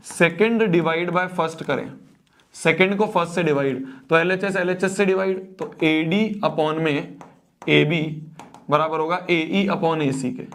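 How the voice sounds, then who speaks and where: A man's voice: fairly high pitch, a bit bright. A young man teaching a math exam-prep lesson, repeating phrases and checking that students follow.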